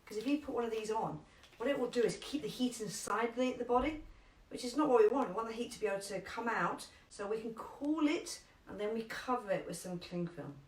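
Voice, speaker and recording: A woman with a London accent teaching a live first aid class online, chatty and emphatic, slowing down to repeat key instructions. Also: fairly high pitch. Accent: London English. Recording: echoey room, distant from mic.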